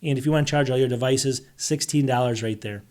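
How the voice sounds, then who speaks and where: A man's voice: mid-range voice, quick pace, darkish tone. A man hosting a casual tech deals video, rambling through prices with rhetorical questions and self-interruptions, saying he is losing his voice.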